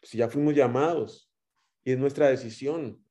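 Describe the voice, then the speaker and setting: A male preacher with a Guatemalan accent delivers a sermon in a mellow, warm voice. He often switches from loud, stressed phrases to soft, dropped endings as he tells stories. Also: mid-range voice, normal speed. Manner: storytelling with rising and dropping loudness.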